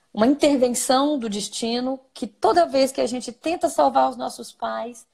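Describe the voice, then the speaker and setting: A woman's voice: a little high, creaky, darkish tone, husky. A Brazilian woman therapist explaining ideas in a conversational interview, asking and answering her own questions.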